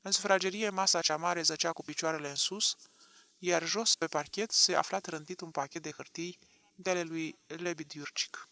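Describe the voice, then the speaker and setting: A man narrating an audiobook with an expressive, dramatic reading. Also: a little high, creaky, no echo.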